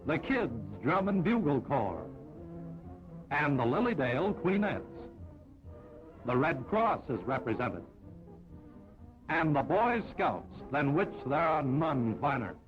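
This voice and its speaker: A man narrating an old 1940s newsreel in a brisk, upbeat announcer style. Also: on the high side, very animated. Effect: old newsreel sound. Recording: dull lo-fi 1940s film audio with music.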